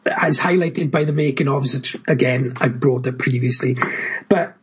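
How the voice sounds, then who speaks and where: A man's voice: mid-range voice, normal speed, husky, lo-fi sound. A man talking about films as a podcast guest, enthusiastic, swearing casually and tacking on tag questions. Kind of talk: casual film chat.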